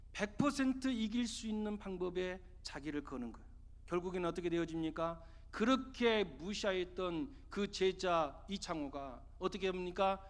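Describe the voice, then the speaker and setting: A man's voice: high-pitched, bright, forceful tone. A man preaching a sermon as pastor, pressing his points with rhetorical questions to the congregation. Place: church sanctuary. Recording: long church reverb.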